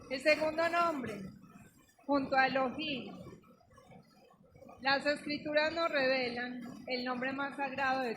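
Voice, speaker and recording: A woman's voice: sits high, noisy background. A woman pastor preaching a sermon to her congregation, emphatic and questioning, teaching with questions. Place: church.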